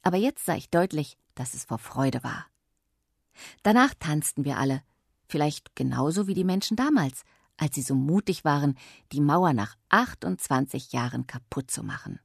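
Low, gravelly woman telling a children's story. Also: moderate pace, no echo, clean studio sound. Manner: calm, clear storytelling in first person. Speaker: audiobook narrator. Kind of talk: children's audiobook narration.

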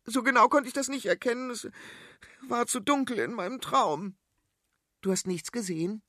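A man doing a shrill bossy queen. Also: normal speed, bright, forceful tone, dry recording, studio quality. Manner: shrieking, scolding.

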